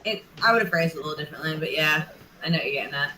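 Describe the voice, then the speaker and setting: An excitable woman co-hosts a casual trivia chat, talking eagerly. Her voice is bright and forward. The room echoes, and a faint hum sits underneath. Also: low-pitched. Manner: chatty, excitable, quick to laugh. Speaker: trivia co-host.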